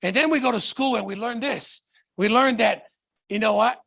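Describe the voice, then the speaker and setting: High-voiced fervent man. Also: moderate pace, vocal fry, sharp tone, dry recording, studio quality. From Tonga. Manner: fervent, fires rhetorical questions at the audience. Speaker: motivational speaker. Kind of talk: motivational stage talk.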